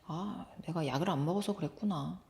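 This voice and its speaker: A woman voicing a frightened, suspicious teenage boy who blurts out his worries and shouts in panic. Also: on the high side, big pitch swings, brisk. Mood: puzzled.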